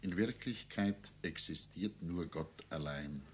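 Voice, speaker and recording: A man's voice: low-pitched, takes it slowly, slight background noise. An actor playing a man at a sickbed who whispers urgently and then reads notes aloud solemnly in a radio play. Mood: reading. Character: hushed male confidant at a sickbed.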